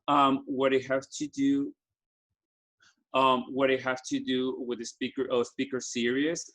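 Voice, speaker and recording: An earnest man born in Ecuador, a business school staff member, presents study abroad options to students with slides. His medium-pitched voice is a bit bright, and his halting delivery is full of restarts and fillers, captured on poor audio.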